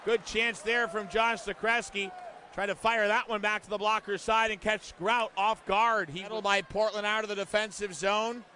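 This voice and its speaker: High, bright-voiced male hockey announcer. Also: fairly even intonation, normal speed, slight background noise. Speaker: ice hockey play-by-play commentator. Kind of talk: sports play-by-play commentary.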